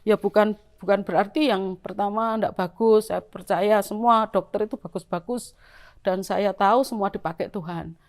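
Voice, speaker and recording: A middle-aged woman with a Javanese-influenced Indonesian accent, telling her church testimony to the congregation in a lively storytelling way. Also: medium pitch, moderate pace. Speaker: church member giving testimony.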